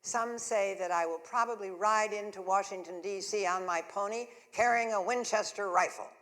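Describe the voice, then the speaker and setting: Performing solo in a church hall, an actress takes on the role of a lively thirty-something suffragist telling her life story with sincere, dry wit. She speaks at a moderate pace in a natural, slightly bright voice of medium pitch, with long reverb from the room.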